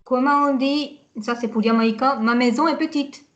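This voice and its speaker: A woman's voice: sits high, fairly even intonation, normal speed, a bit bright, lo-fi sound. A woman teaching Hungarian over a video call, patiently spelling words out letter by letter and correcting her student.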